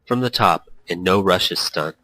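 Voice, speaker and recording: This let's play host's voice sits low, pushed and bright, moving at a moderate pace as he reads a visual novel aloud. He jokes around, laughs a lot, and stumbles and self-corrects while voicing quoted character lines amid casual commentary. There's no room sound, though the recording is rough.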